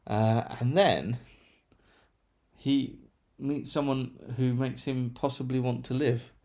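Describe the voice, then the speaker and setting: A man's voice: medium pitch, fairly even intonation, slow, a little mellow. A man chatting casually through a monthly book review, rambling with self-deprecating asides. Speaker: book vlogger.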